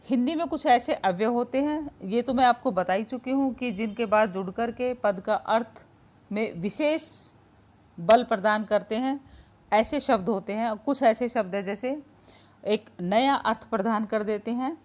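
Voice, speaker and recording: A woman with a fairly high voice teaches grammar at a normal speed in a relaxed, informal way. She explains patiently, offers lots of everyday example sentences and keeps checking in with her students.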